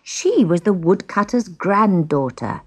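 A woman narrates a children's story with expressive, gently dramatic reading. Her voice sits a little low, moves a lot in pitch and has a gravelly edge. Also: takes it slowly.

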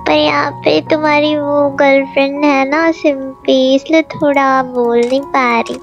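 A woman's voice: high-pitched, flat delivery, measured pace, soft background music. Coaxing woman on dull voice chat. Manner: coaxing, sweet-talking. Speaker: game squad member. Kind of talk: casual game voice chat.

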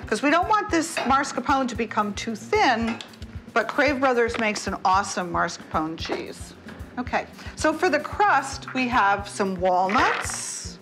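On a cooking show set in her home kitchen, a middle-aged woman explains each step in a friendly, instructive manner with music underneath. She speaks on the high side, very animated and a little slow, in a rough recording.

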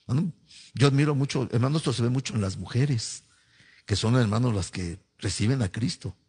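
A man's voice: mid-range voice, a little fast, darkish tone, breathy edge. A man preaching a fervent sermon in Mexican Spanish, often calling his listeners brother. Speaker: pastor.

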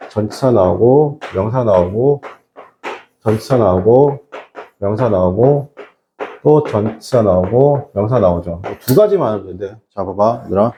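Man teaching English in a mellow voice. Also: fairly low pitch, highs cut off, slight background noise. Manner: repeats rhetorical questions to students. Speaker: high school English teacher. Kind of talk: classroom lecture.

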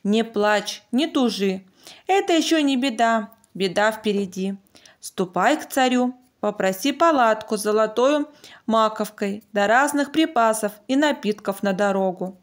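A woman voicing a wise, steady talking warhorse in a fairy tale, advising its master. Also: fairly high pitch, measured pace. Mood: reassuring. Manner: questioning, advising. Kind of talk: storybook narration in character.

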